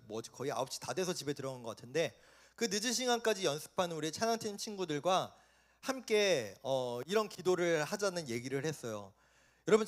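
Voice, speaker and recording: A young man preaching a sermon to high school students in a church, animated and often questioning his listeners. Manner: animated, questioning the listeners, acting out quoted voices. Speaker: youth pastor. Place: church sanctuary.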